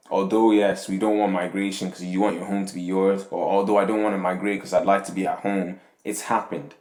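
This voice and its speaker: This young adult from Nigeria hosts a podcast, talking loosely about faith and community in a room full of echo. His voice is deep with a darkish tone, and his rambling lines often end in "yeah?" or "you know what I'm saying."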